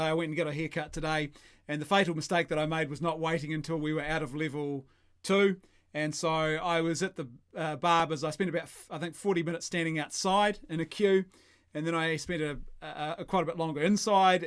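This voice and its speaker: A New man hosts a casual online show with a smooth, clear voice pitched a little high. He chats easily, laughs at himself and restarts sentences as he goes. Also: fairly bright tone. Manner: chatty, self-deprecating, stumbles and restarts. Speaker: host. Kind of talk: casual interview chat.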